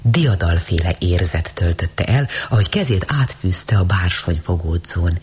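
A man reads a story aloud with expressive, dramatic storytelling. His voice is breathy and husky, and his pitch moves in a lively, animated way. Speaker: narrator. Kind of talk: audiobook story reading.

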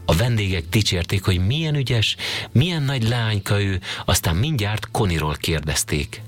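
Expressive male storybook narrator. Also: lowish voice, soft background music. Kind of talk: storybook reading.

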